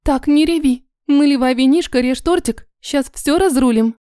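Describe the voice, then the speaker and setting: A brash, bossy young girlfriend, as a woman reader puts her on, talking crudely and giving orders. The voice sits fairly high, with a mellow tone in a dry, close recording. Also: normal speed, dry recording, natural voice. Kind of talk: audiobook character voice.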